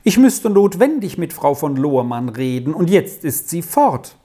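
A reader voicing an excitable village woman who talks in an agitated, pushy way. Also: mid-range voice, unhurried.

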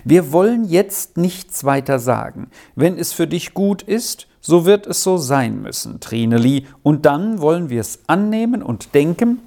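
A reader voicing a gentle old grandmother. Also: medium pitch, lively intonation, gravelly. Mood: gentle, admonishing. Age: over 60. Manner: soft, admonishing, slow and thoughtful. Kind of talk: storybook reading.

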